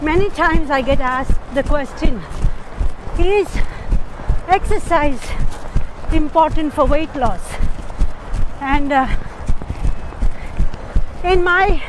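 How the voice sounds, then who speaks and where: A woman speaking in short measured phrases while jogging outdoors, chatting casually for a vlog. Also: high voice. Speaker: health and fitness coach. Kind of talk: casual running vlog chat. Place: outdoors on a hilly mountain road. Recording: clear outdoor background noise.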